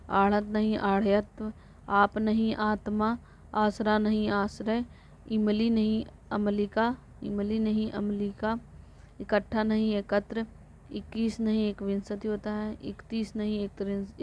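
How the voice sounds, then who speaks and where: Female tutor drilling exam word lists in a very flat voice; muffled recording. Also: mid-range voice. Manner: flat rote recitation, corrects herself. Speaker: teacher. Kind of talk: reciting exam vocabulary lists. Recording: dull lo-fi recording with faint noise.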